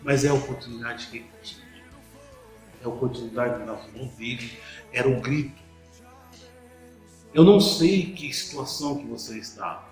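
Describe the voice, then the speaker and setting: A man's voice: medium pitch, moderate pace, pauses often, a little mellow, faint music behind. Man preaching in an echoey room. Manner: rhetorical questions, repeats words when restarting. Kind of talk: sermon.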